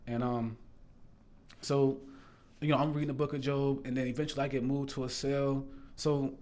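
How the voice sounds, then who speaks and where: A man with a mid-range, mellow voice that barely moves in pitch tells his faith testimony at a normal speed. He rambles earnestly, full of fillers, restarts and "bro," swearing the story is true.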